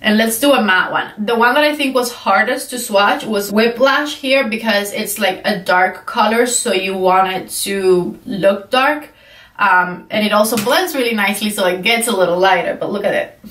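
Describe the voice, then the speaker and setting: Congested from a cold, a young woman chats enthusiastically while reviewing makeup for her beauty vlog, saying "like" often. Her mid-range voice is a bit bright at a normal pace, and it echoes in a shelved indoor room, sitting slightly far from the mic.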